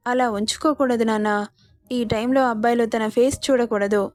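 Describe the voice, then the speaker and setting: A woman's voice: fairly high pitch, steady tone, normal speed, no echo, studio quality, lightly acted. A woman reading the part of a firm, traditional middle-aged mother in a story. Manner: firm, insistent.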